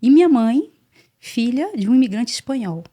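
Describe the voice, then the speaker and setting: A Brazilian woman in her forties, a podcast guest, telling her life story in an earnest, animated way and often repeating words. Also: on the high side, moderate pace. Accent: Brazilian Portuguese. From Brazil (Salvador, Bahia). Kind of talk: casual interview storytelling.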